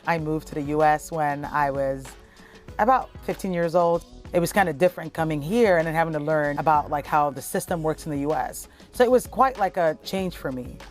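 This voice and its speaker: Chatty woman from cameroon, bit low voiced, easygoing, music faint in the back. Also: brisk. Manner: relaxed, chatty, with many fillers. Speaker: travel blogger and content creator. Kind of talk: documentary interview.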